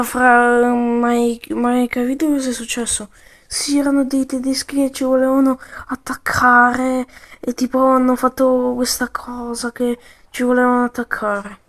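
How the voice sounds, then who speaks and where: A woman improvising playful, slangy role-play commentary over a video game, with sudden yells. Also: fairly high pitch, level tone, measured pace.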